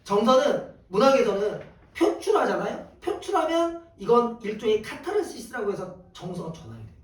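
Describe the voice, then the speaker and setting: A male teacher giving a classroom lecture. He asks questions and answers them himself in a lively way. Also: very high voice, normal speed. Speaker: Korean exam prep teacher. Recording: echoey room from a distant mic.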